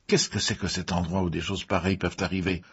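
A bewildered, trembling man, as a male narrator plays him, asking questions in a low, husky voice. The audio is dull and muffled. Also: level tone, fast talker, exaggerated voice. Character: scared, trembling man in a clearing.

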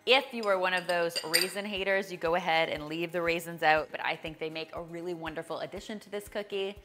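A woman's voice: on the low side, fairly even intonation, fairly quick, over loud music. A woman in her thirties hosting a cooking show, chatty and upbeat as she walks viewers through a recipe in a kitchen studio. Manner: bubbly and chatty, addresses viewers directly. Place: bright home kitchen studio.

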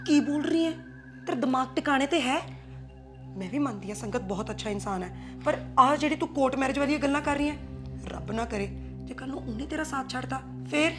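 Punjabi woman for short-film drama, quick high voice, scolding and worried, music under. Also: animated. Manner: scolding, worried older sister. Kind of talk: melodramatic short-film acting.

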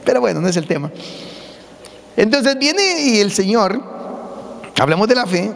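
Pastor preaching a humorous sermon; high, raspy-edged male voice, big reverberant sanctuary. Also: sing-song, moderate pace, a bit bright. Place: church sanctuary. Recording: long church hall reverb.

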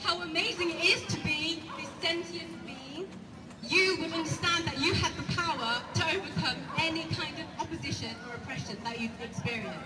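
Woman, rally speaker, impassioned and emphatic, very high voice, far-off echoey outdoor recording. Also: normal speed, loud music behind the voice. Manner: impassioned, emphatic, repeats phrases. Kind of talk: public protest speech. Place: outdoor square before a large stone building. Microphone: camera filming from the crowd, far from the speaker. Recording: distant, echoey, loud crowd and street noise. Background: crowd and passing vehicles.

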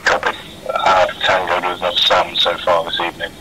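A man's voice: low voice, completely flat delivery, a little slow, heavy background noise. A man acting as air controller, giving terse, clipped procedural calls over a radio channel. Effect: heard over a radio channel.

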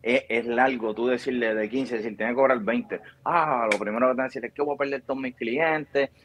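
A man's voice: medium pitch, steady tone, a little fast, fairly bright tone, a little hiss or hum. A man in his thirties with a Puerto Rican accent, a barbershop founder explaining his business at length in a video call interview. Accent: Puerto Rican Spanish. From Puerto Rico. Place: small room with a bare grey wall. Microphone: video call mic.

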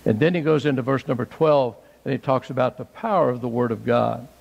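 Man, 60s, pastor, sermon, gravelly, emphatic high exclaims, long church reverb. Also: fairly quick, highs cut off. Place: church sanctuary.

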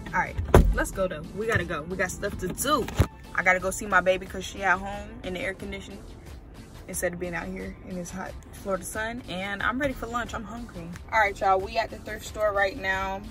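A young American woman in her twenties speaks briskly in a mid-range voice while music plays behind her. She's vlogging from a parked car and from home, chatting informally with slang and animated asides.

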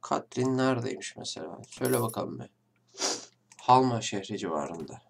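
Through a blocked nose, a man hosting a gaming channel's casual let's-play banters with viewers in mock-tough fashion at his desk mic. His fairly low, gravelly voice is expressive and moderately paced. Faint game music, keyboard clicks and a little hiss or hum can be heard.

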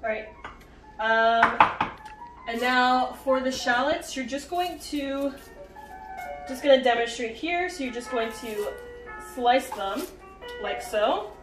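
Speaking slowly and leaving long pauses, a high-voiced young woman walks viewers through a casual cooking demonstration in her home kitchen. The mic is far from her, giving a roomy echo, and background music plays throughout.

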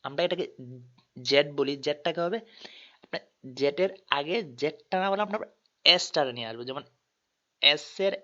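A man's voice: fairly high pitch, moderate pace, long pauses, pushed and bright. A man teaching a tutorial, patiently spelling out letters one by one. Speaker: language tutor. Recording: dull lo-fi recording.

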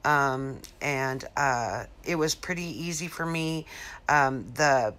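A woman's voice: extremely low pitch, takes it slowly, fairly bright tone. A woman in her fifties chatting casually through a home craft tutorial, rambling with many fillers and restarts. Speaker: craft vlogger. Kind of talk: casual DIY tutorial chat. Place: living room at home.

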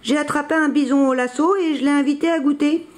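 A tiny, eager hamster boy who wants to be a great cowboy, calling out in a high, sing-song voice, as a storyteller puts him on. His lines leap up and down with excitement, delivered at an unhurried storybook pace. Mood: proud. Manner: excited, high-pitched exclamations. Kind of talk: storybook read-aloud.

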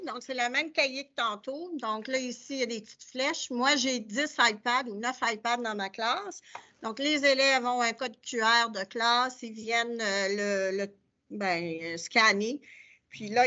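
Bright-voiced Québécois woman teacher, lo-fi. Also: on the high side. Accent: Québécois French. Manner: explains step by step while paging through documents. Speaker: adult literacy teacher. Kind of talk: presenting teaching materials to colleagues.

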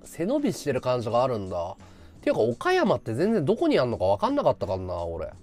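A man from Chiba talks casually to his live-stream audience, rambling from story to story and laughing as he goes. His pitch swings widely and constantly, and faint music plays underneath. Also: fast. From Chiba, Japan. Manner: rambling, animated, laughing at his own stories. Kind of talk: casual chat with viewers.

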